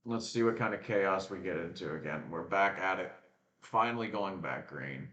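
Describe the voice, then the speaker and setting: A man's voice: low voice, lively intonation, moderate pace, fairly bright tone, echoey room, muffled recording. A man chatting casually and calling a car race live on a home watch-along stream, rambling between race updates. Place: at home in front of a webcam. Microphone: webcam and desk mic.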